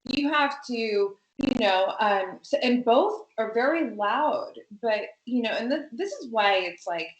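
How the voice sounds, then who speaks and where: A woman guest talking in an animated, emphatic way with many fillers in a conversational interview. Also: fairly high pitch, unhurried, hardly any pauses, echoey room, rough recording.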